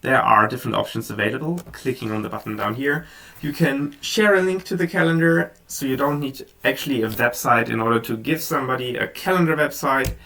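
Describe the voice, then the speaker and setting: Sitting a little away from the microphone, a German man guides viewers through a screen-recorded software tutorial. His voice is gravelly, creaky and mid-range, and his brisk, relaxed delivery is unscripted, dotted with ums and small restarts.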